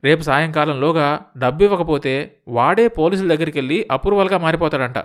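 A man voicing an anxious, scheming male go-between who talks in a hurried, pressing way. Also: a little high, pitched above the performer's own voice, close to an everyday voice.

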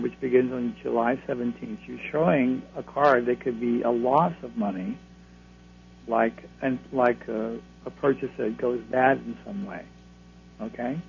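A man with a gravelly voice giving conversational advice to callers as a guest reader on a radio show. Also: mid-range voice. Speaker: card-reading astrologer, radio guest. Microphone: telephone. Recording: thin phone line, humming noise.

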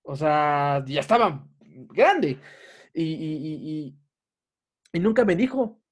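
Animated Mexican man telling a story. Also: on the high side, takes it slowly. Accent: Mexican Spanish. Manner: animated storytelling, laughs often. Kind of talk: casual podcast chat.

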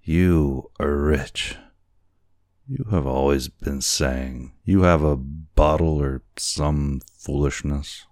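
A man's voice: very deep voice, fairly even intonation, takes it slowly, darkish tone, no echo, studio quality. A man voicing a brutal old male ship's boatswain in a storybook reading, drawling and coarse. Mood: coaxing.

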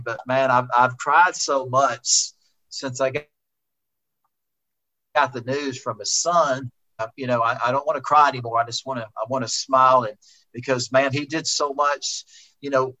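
A man's voice: mid-range voice, bright, forceful tone. A middle-aged man, a racing driver, rambling and repeating himself as he remembers a friend in a heartfelt conversation. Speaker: racing driver, interview guest. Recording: dull lo-fi sound.

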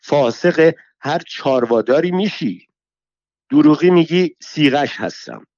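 A man's voice: a little high, no echo, voice pushed up, lightly acted. Alavieh, a man playing a shrieking foul-mouthed old woman. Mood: scolding. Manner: shouting insults, abusive, theatrical. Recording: dull lo-fi dry recording.

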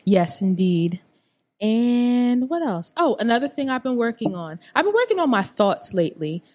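A woman's voice: on the high side, very animated, normal speed, darkish tone. A woman in her late twenties chatting casually on a podcast, rambling with lots of fillers and asides. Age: 20s. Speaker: podcast guest. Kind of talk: casual chat.

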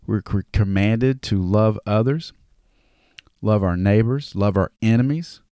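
A man with a Southern drawl talks casually through Bible verses, reading scripture aloud between loose, conversational asides. His voice sits fairly low, and the recording is dry and close. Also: measured pace, dark tone, no echo. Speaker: podcast host. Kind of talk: casual Bible study talk.

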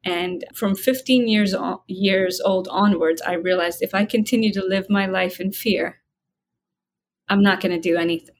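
Woman, interview guest, calm and reflective, measured pauses, faint background hiss. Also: mid-range voice. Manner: calm, reflective, slows down for emphasis. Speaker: spiritual guide and interview guest. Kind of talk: conversational interview.

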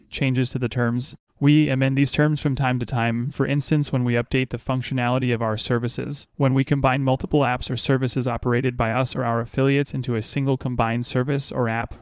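Guy doing sleep story narration, measured n deliberate, pretty flat voice, dry close sound. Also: medium pitch, dry recording. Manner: measured, unhurried, deliberate phrasing. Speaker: podcast host and narrator. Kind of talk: sleep story narration, slow soothing bedtime reading.

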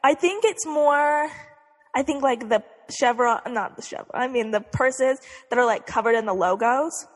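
A woman's voice: sits high, moderate pace. Bubbly young sorority-girl voice, reverberant recording. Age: young adult. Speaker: podcast co-host. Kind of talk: casual chat. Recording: echoey hall-like reverb.

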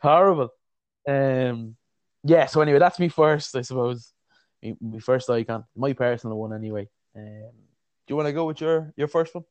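A man co-hosting a casual podcast chat, animated and quick to act out voices in his stories. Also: mid-range voice, no echo. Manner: animated, puts on voices when telling stories. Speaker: podcast co-host.

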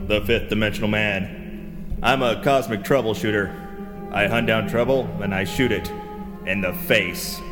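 A man playing a hard-boiled male space detective, narrating in a gruff noir style. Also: lowish voice, fairly even intonation, unhurried, over music, close to an everyday voice. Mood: cocky. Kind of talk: radio-drama parody.

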